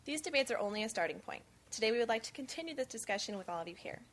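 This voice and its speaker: A young woman in her twenties giving formal, measured prepared remarks as she introduces a panel at a conference. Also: on the high side, animated. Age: 20s. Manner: measured, reads from a script. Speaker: event speaker introducing a panel. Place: conference event on stage.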